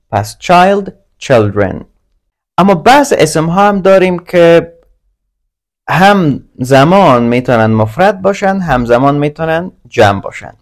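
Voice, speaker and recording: A man teaching an English grammar lesson, reading English example words slowly and deliberately in pairs. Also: a little high.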